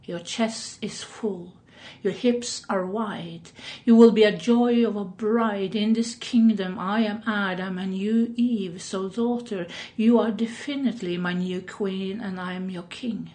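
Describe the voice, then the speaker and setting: A woman voicing a domineering old king who speaks slowly and commandingly as a lecherous father in a spoken fairy tale. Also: medium pitch, steady tone, warm tone, natural voice. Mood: leering.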